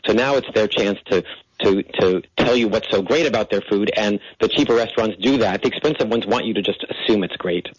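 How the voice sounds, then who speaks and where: A man's voice: lowish voice, brisk, slightly rough, dry recording. A middle-aged American man, a linguist guest on a radio interview, explaining with enthusiasm and frequent restarts. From United States. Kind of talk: interview conversation. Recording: muffled radio broadcast.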